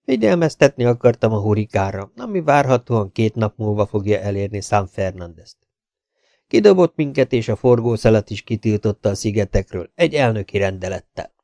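A man reading an audiobook, voicing a worried male meteorologist who speaks in a measured, sober and earnest way. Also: fairly low pitch, animated, dark tone, dry recording. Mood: grave.

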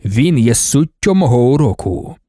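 A man voicing an ancient, imperious male god-emperor in an audiobook, speaking in a slow, measured, commanding way. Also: mid-range voice, big pitch swings, mellow, no echo, studio quality, voice pushed down, lightly acted. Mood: lecturing. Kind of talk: audiobook character voice.

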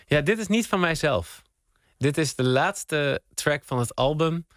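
A man, a guest on a radio interview, telling a rambling story in a relaxed, meandering way with many fillers, at a studio microphone. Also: fairly high pitch, unhurried, no room sound. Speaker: guest, spoken word artist.

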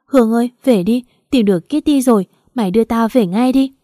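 A woman's voice: a little high, normal speed, warm tone, dry recording, clean studio sound, lightly acted. Frantic tearful young mother, urgent pleading voice, storybook read by a woman narrator.

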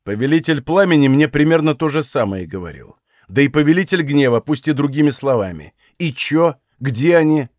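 Audiobook: male reader as a hot-headed young mage, combative, lively pitch swings. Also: normal speed, dry recording, clean studio sound, lightly acted. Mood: furious. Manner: blunt, swearing, combative.

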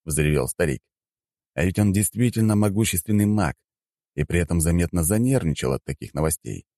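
Deep, dark-voiced male audiobook narrator. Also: no echo, studio quality. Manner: measured, expressive storytelling. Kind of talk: first-person fantasy audiobook narration.

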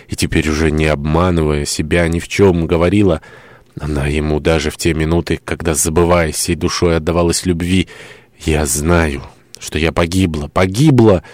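A man with a very deep, low voice narrates a novel in a measured, earnest way. The recording is dry and close, with no room sound at all. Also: a little mellow, no echo. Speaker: audiobook narrator.

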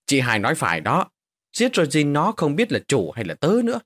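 A gossipy third wife jeers and piles on insults, as a male storyteller puts her on. Her voice runs quick and sharp. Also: fairly high pitch, huge pitch swings, full character voice. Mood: mocking. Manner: mocking, quick.

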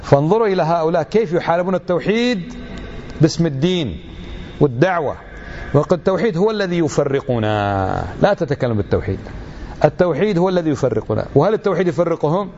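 A man's voice: a little high, very animated, quick pace, mellow, highs cut off, slight background noise. A middle-aged man giving an emphatic religious lecture, full of rhetorical questions.

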